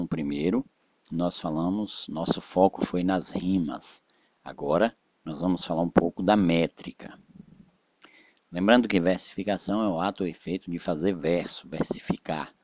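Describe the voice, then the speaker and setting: A man's voice: low-pitched, normal speed, a little mellow, breathy edge, no room sound. A Brazilian man teaching poetic meter in a video lesson, patiently explaining step by step and counting syllables aloud. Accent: Brazilian Portuguese. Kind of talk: slide-based video lesson.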